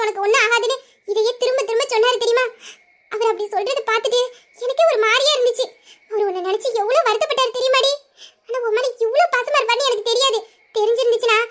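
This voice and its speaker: Woman playing a high-pitched, giggly young friend in an audio drama, animated and caring.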